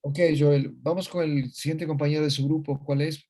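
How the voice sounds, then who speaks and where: Teacher guy, warm mellow voice, short direct questions. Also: on the high side, little pitch movement, moderate pace. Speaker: university teacher. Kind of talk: questioning students in an online class.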